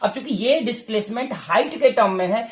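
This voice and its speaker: A man teaching a physics lesson at a whiteboard for exam preparation. He works through each step and keeps checking in with a quick "okay". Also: very high voice, lively intonation, roomy sound. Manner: addresses viewers fondly as dear children.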